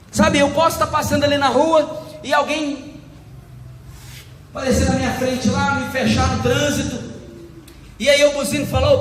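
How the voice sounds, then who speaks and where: A man delivers a sermon in a strikingly high voice, acting out little quoted scenes and calling out to the congregation. His voice rings through a large hall with a long reverb tail, and a faint room ambience sits behind it. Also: a little hiss or hum. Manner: preaching with acted-out quotes, calls to the congregation. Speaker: pastor.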